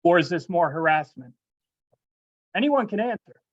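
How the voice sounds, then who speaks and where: A man's voice: high-pitched, lively intonation, moderate pace. A man calling into a council meeting, combative and accusing as he presses officials for answers. His voice comes through a dull, lo-fi remote line that keeps breaking up. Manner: confrontational, accusing. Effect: remote call audio breaking up. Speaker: resident speaking at public comment. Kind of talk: public comment at a council meeting.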